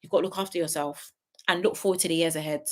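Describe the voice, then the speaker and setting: A woman's voice: lowish voice, fairly even intonation, racing, darkish tone. A woman in her late twenties chatting casually on a livestream, reading viewer comments and giving frank, big-sister style advice. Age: 20s. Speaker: YouTube host on a livestream.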